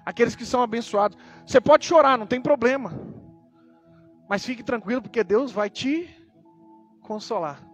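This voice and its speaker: High-voiced, husky Brazilian preacher. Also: male voice, normal speed, pauses often, soft background music. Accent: Brazilian Portuguese. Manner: emphatic preaching with repeated rhetorical questions. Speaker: pastor. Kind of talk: sermon with opening prayer.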